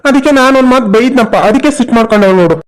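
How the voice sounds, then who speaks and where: A performer voicing a concerned young husband and brother in a cartoon story, talking in quick, protective reassurances. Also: medium pitch, lightly acted.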